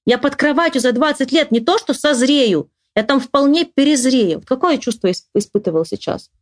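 A woman reading a children's story aloud to a child with lively, expressive storytelling, then asking the child about it. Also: high-pitched, moderate pace, dry recording, studio quality. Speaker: reader and teacher.

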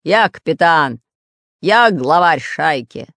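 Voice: mid-range voice, animated, takes it slowly, a bit bright, no room sound, clean studio sound. A reader voicing a grumpy, bossy fat red-bearded pirate captain in a storybook reading, with a growling manner.

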